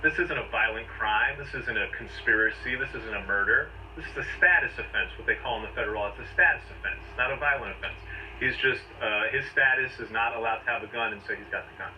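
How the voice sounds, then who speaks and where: In noisy, dull, distant replayed audio, a man with a mid-range, sharp-toned voice talks fast. He's a legal commentator giving a conversational, step-by-step explainer in brief, emphatic phrases.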